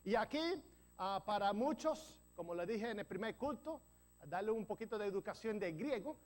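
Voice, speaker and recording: A male pastor preaching a sermon in a teaching manner, checking in with the congregation, with joking asides and quick self-corrections. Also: high voice, animated.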